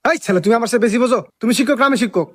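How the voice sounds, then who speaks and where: A man's voice: very high voice, very fast. A man playing a bragging know-nothing tutor. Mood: indignant. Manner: pompous, blustering, stumbles over words. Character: boastful, ignorant male private tutor. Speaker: comedic skit actor. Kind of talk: comedy skit acting.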